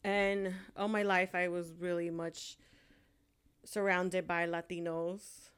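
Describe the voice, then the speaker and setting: A woman's voice: fairly low pitch, level tone, slow pace, smooth. A young woman from Honduras in casual chat, talking hesitantly with many fillers. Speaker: co-host.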